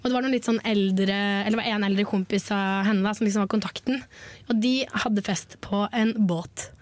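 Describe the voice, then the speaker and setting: A woman's voice: medium pitch, fairly even intonation, dry recording. A woman co-host telling a story casually, with frequent hesitations. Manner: chatty, many filler hesitations. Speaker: podcast co-host.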